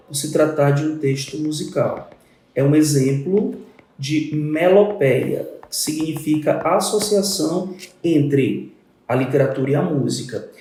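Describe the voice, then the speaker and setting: A man's voice: fairly high pitch, dark tone, roomy sound, far from the mic. A male literature teacher, explaining a poem step by step and counting syllables aloud. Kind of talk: exam-prep literature lesson.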